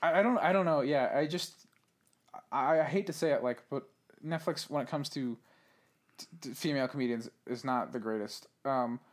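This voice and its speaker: A man's voice: medium pitch, normal speed. A man in casual chat about comedians, rambling, swearing often and retelling jokes in put-on voices. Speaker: co-host.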